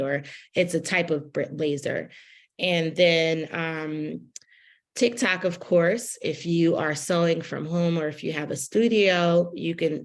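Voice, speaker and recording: A woman giving a casual workshop lecture on fashion business, talking loosely with many fillers and asking "right?" as she goes. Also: low-pitched.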